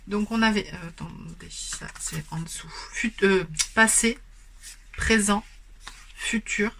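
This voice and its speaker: A woman talks through a tarot card reading at an unhurried, unrushed pace. She explains gently and stops often for hesitant fillers. She speaks to a camera on a stand. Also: medium pitch. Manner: hesitant, many filler pauses. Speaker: tarot and oracle card reader. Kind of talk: spoken card-reading guidance.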